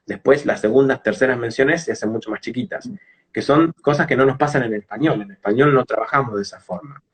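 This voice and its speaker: A fast-talking man with a medium-pitched voice and a Rioplatense Argentine accent is interviewed as an English teacher and phonetics specialist. He explains things didactically using everyday examples, over slight background noise.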